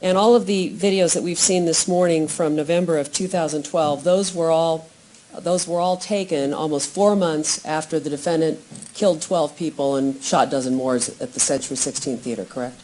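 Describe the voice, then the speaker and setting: A woman prosecutor cross-examining a witness in measured, formal questions, heard on a courtroom recording. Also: sits low, mellow, poor audio. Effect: courtroom audio recording.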